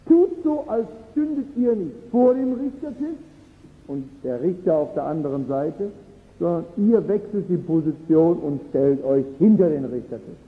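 An earnest man preaches a sermon, his rather high voice rising and falling in wide, lively swings. He leans on his key phrases, repeating them for weight. The sound is thin and phone-like, with a long hall echo behind him.

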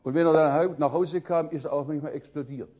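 An older man preaching a sermon, telling stories with lively swings between loud outbursts and quiet musing. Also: a little high, a little fast, muffled recording.

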